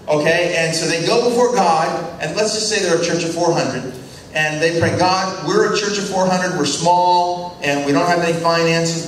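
Lecturing on church mission, a man questions the class and takes their short answers, acting out characters in quick voices as he tells stories. His voice is a little high, recorded with a distant mic in a very echoey room with faint noise.

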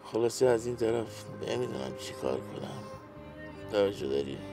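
A weary, debt-burdened man in a TV drama speaks in a low, downcast voice. He complains with the tired weight of someone worn down by life, over background score music. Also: big pitch swings. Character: weary indebted middle-aged man, worn down. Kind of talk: TV series acting.

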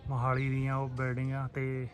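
A man with a Puadhi Punjabi accent gives relaxed, reminiscing narration as he walks and films outdoors in a village on a handheld phone. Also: mid-range voice, brisk, slight background noise. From Punjab, India. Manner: reminiscing, relaxed, loosely strung phrases. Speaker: vlogger. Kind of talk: casual walking vlog narration. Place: outdoors in a village, on rooftops and lanes.

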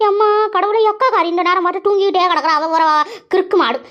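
A woman voicing quarrelling village women in a cartoon comedy, wailing and scolding loudly. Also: very high-pitched, racing. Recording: dull lo-fi sound.

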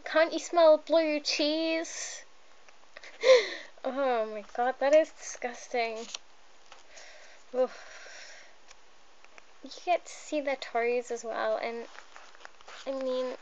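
A woman's voice: high voice, a little hiss or hum. A woman vlogging into her phone camera, rambling and giggling self-consciously as she keeps getting sidetracked. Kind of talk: rambling casual vlog. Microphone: phone camera filming close up. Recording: dull lo-fi phone recording.

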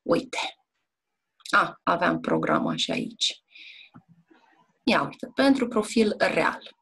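A woman's voice: sits low, huge pitch swings, gravelly, a bit bright, husky. A woman teacher giving a one-on-one exam prep lesson, explaining patiently and often checking in with her student, with hesitant fillers. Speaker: Romanian language and literature teacher. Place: indoor classroom or tutoring room.

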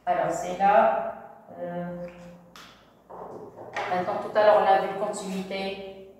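A woman's voice: mid-range voice, little pitch movement, takes it slowly, darkish tone, slight background noise. A woman teaching a maths class at a board, explaining step by step, repeating key words and checking often that students follow. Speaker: math teacher. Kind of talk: classroom lesson at a whiteboard. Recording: echoey room, voice from far off.

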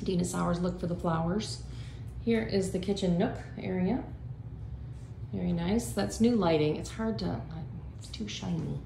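A woman's voice: on the low side, normal speed, vocal fry, warm tone. A woman realtor chatting casually as she walks through an empty condo, upbeat and full of fillers, filmed on a handheld phone. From Florida. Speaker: realtor giving a home tour. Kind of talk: casual walkthrough narration. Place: empty condo, indoors, walking room to room. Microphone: phone camera held while walking. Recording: echoey empty rooms with background noise.

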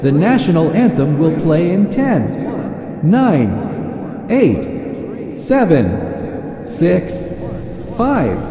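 A man making a public warning announcement through an outdoor siren loudspeaker, slow and deliberate. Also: fairly high pitch, big pitch swings. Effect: outdoor siren loudspeaker broadcast. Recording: echoing outdoor loudspeaker with noisy background.

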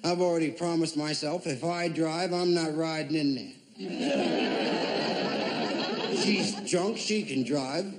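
Animated male comedian telling a story. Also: a little high, takes it slowly, pauses often, over a noisy crowd, very noisy. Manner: animated, acts out every character. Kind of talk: stand-up storytelling. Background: studio audience laughter.

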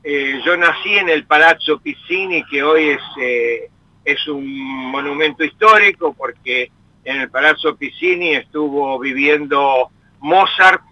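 A very bright, forceful voice from a man, talking through a hands-free phone in his parked car. He is an animated storyteller who stretches out the words he wants to stress. The call sounds dull and lo-fi, with a dry, close sound. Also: a little high, no room sound. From Italy. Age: 80s. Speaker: interview guest. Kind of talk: telling his life story in a radio interview.

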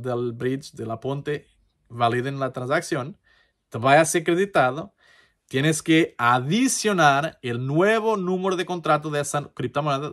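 Man, Portuguese accent, hesitant casual talk, lots of fillers, mid pitch. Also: a bit bright. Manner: hesitant, many fillers and restarts. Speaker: crypto channel host. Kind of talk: casual tutorial talk to camera.

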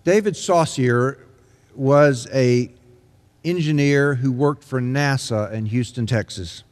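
An older man, an interim pastor, preaching a sermon from the pulpit in a large church sanctuary, measured and earnest with emphatic rises. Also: medium pitch, darkish tone. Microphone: pulpit microphone. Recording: long reverb of a large sanctuary.

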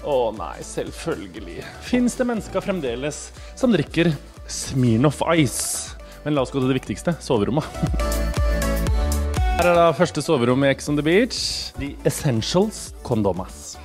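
A man's voice: medium pitch, very animated, darkish tone, soft background music. A young man hosting an entertainment show, giving a playful, mocking tour of a villa with theatrical asides while walking around and talking into a handheld mic. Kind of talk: comic house tour and studio chat.

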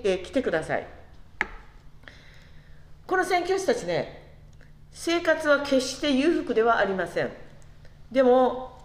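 Lively woman preaching in an echoey hall. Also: a little high. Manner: conversational, asks the listeners questions, slows down to stress words. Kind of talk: sermon to a congregation.

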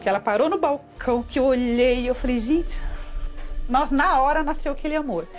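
A woman, a guest on a TV talk show, telling her own story with animated, emotional delivery and acting out quoted voices. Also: fast talker, faint music behind. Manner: animated, acts out quoted speech in a higher voice.

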